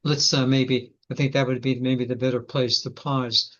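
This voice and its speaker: Man, even monotone, calm measured speech, lo-fi dull recording. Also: medium pitch. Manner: calm, measured, steers the session. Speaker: teacher leading the session. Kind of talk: casual discussion. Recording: dull lo-fi audio.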